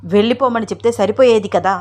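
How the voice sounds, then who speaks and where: A woman's voice: fairly high pitch, fast talker, a little mellow, natural voice. An older husband who presses his wife with urgent questions, as voiced by a woman narrator. His voice is raised and agitated. This is a storybook reading.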